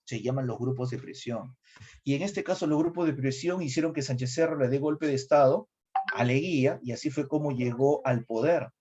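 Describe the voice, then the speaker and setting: A middle-aged man with a Peruvian accent lectures on history with lively energy, pausing to quiz his students. His voice sits in a middle register. The recording is a little dull and lo-fi. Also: medium pitch, background noise. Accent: Peruvian Spanish. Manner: asks students questions, animated. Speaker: history teacher.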